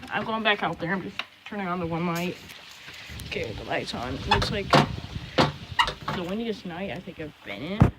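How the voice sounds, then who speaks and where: A man's voice: sits high, lively intonation, moderate pace, pauses often. A man rambling casually and apologetically to viewers, recording a vlog outdoors in strong wind at night. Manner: apologetic, repetitive talk. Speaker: amateur video blogger. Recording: very loud wind noise, outdoors. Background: loud gusting wind.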